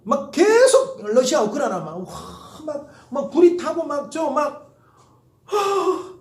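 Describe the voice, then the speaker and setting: Man, Jeolla accent, high voice, lively pitch, echoey room, lecturing. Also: measured pace. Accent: Jeolla Korean. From Jeolla, Korea. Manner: animated, repetitive, swings from soft to loud. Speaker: professor lecturing.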